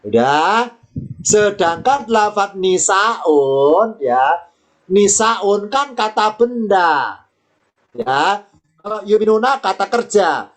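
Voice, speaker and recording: A man's voice: high-pitched, lively intonation, slow pace. A man teaching Quran reading in an online lesson, patient, repeating words and asking rhetorical questions. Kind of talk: online lesson with screen sharing.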